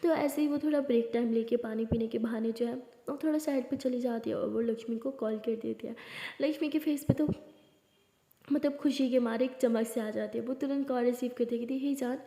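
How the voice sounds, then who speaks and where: A woman tells a story in a relaxed, chatty narrating voice, a little high and mellow. Her words ring out in a roomy hall with a long reverb tail. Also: fairly quick. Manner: conversational, plain retelling.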